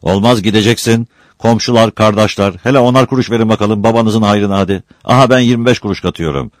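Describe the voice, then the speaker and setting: A man voicing a loud, bossy foreman who hurries his work crew along with commands. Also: lowish voice, fast, no echo, voice pushed up, lightly acted. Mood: urging.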